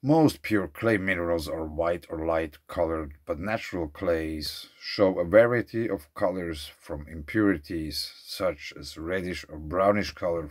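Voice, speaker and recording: Low-voiced man musing aloud. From Switzerland. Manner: rambling, thinks aloud, reads facts then drifts into asides. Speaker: vlogger. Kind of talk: casual musing monologue. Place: outdoors at a lakeside beach.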